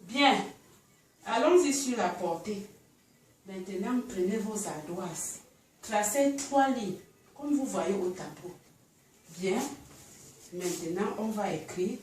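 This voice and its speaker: Woman teacher doing a slow reading lesson for little kids, drags out every letter, very echoey room, kinda far from the mic. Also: mid-range voice, expressive, darkish tone, a little hiss or hum. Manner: drawn-out sounding-out, repeats letters and syllables for pupils to echo. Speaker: schoolteacher. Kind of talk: slow classroom reading lesson for young children.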